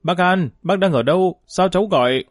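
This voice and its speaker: A man's voice: on the high side, expressive, a little fast, darkish tone, no room sound, clean studio sound, soft background music, lightly acted. A man voicing a worried young man who stammers anxiously, in a storybook reading.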